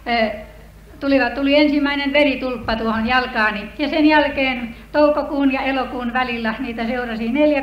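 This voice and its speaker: A woman giving a personal healing testimony at a church meeting, earnest and measured. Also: high-pitched. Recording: echoey hall, dull old tape.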